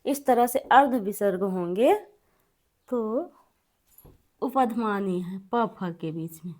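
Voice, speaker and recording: A woman's voice: mid-range voice, slow pace, a little mellow. A woman teaching Sanskrit sounds, reciting and repeating terms while writing on the board.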